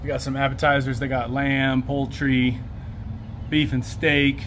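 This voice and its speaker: Man musing aloud on a street walk. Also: fairly high pitch. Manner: relaxed, musing aloud, points things out as he walks. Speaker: vlogger giving a walking tour. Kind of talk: casual walking-tour narration. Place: outdoors along a busy city street. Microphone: handheld camera mic with a front selfie view. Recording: outdoor street with faint traffic noise.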